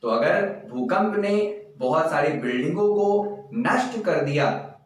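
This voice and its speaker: Slow, deliberate Indian male vocabulary teacher. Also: fairly high pitch, fairly bright tone. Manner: slow, deliberate, spells words letter by letter; addresses viewers as friends, gives example sentences. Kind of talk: exam vocabulary lesson. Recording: very echoey room.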